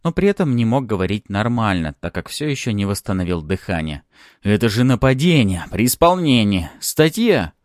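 A man doing a loud blustering fat cop. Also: fairly low pitch, expressive, fairly quick, few pauses, no room sound, studio quality, close to an everyday voice. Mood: breathless anger. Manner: shouting, blustering.

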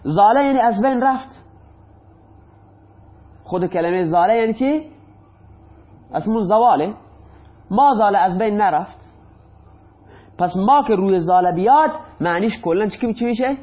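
High-voiced male teacher, lo-fi. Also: animated, long pauses. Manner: patient, repeats examples, poses questions then answers them. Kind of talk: grammar lesson. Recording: dull lo-fi recording.

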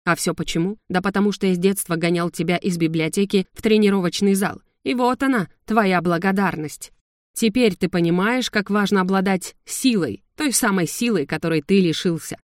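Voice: medium pitch, a little fast, dry recording, clean studio sound, natural voice. A reader voicing a furious lizard gargoyle king, a domineering father who roars and snarls sarcastically. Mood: scornful.

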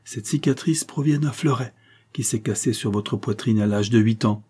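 A man voicing an elderly male steward in an audiobook, slipping from a trembling hush into loud accusation. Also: fairly low pitch, normal speed, breathy edge. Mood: grave. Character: older male steward, faithful then accusing.

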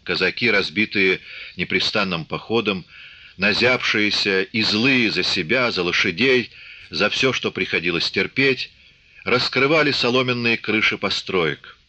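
A man reading an audiobook of a classic novel in a measured, literary way, giving the characters voices, on a dull lo-fi recording. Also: fairly low pitch, sharp tone. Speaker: audiobook narrator.

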